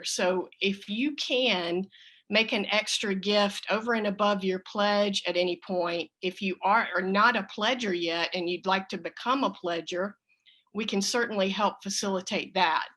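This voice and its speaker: A woman in her role as a church leader delivers announcements and an offering appeal to her congregation, sounding appreciative and deliberate. Her mid-range voice has a fairly bright tone, and the recording quality is low.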